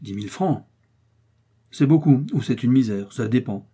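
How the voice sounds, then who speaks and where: Sounding like an audiobook reading, this performance has a man in a dark, husky, mid-range voice portraying an old Normandy village mayor who is shrewd, blunt and sure of himself. Animated yet stern, at a moderate pace, he gruffly lectures and lays down the law.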